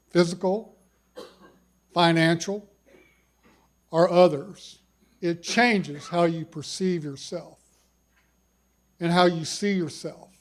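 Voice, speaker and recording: Addressing a conference audience, an older man recounts his cancer experience with folksy, self-deprecating humor. He has a big voice that sits high and carries a darkish tone, fitting his personal story talk as a survivor.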